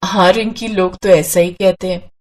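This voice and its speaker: Woman doing a gentle young bride. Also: lowish voice, steady tone, moderate pace, natural voice. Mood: friendly. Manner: soft, reasonable, soothing. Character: gentle young newlywed wife. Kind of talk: storybook character voice.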